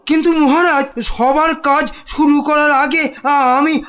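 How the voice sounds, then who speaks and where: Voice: sits high, little pitch movement, normal speed, a bit bright, highs cut off. A voice actor playing a scheming royal minister in a cartoon, stammering and fawning before the king. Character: scheming, flattery-loving royal minister, male. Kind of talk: cartoon voice acting.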